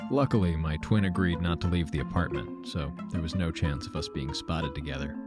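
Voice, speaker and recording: With a bass voice and a slightly quick pace, an actor voices a dry, deadpan narrator recounting his journey between simulations. The character is wry and matter-of-fact, speaking in formal, wordy first person. Music sits under the narration.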